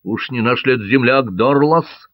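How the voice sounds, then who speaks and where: A man voicing a loud, rough pirate in an audiobook, exclaiming. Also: medium pitch, moderate pace, no room sound, dull audio, voice pushed up, natural voice. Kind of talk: audiobook character voice.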